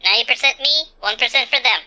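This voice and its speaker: Woman as a boastful game-table crew boss: quick, excitable bragging, bright sharp voice. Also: a little high. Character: brash boastful mercenary boss.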